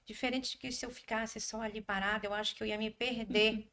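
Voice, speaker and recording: A woman's voice: fairly high pitch, a little fast, slight background noise. A woman co-hosting a podcast, chatting casually and telling stories expressively. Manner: expressive, animated storytelling. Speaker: podcast co-host.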